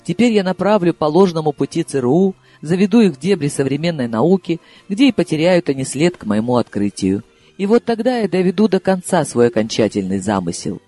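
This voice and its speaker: A sly, tender lover with secrets, read by a male narrator, speaking low and close in an intimate, confiding tone. Soft music hums under the storybook reading. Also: big pitch swings, brisk.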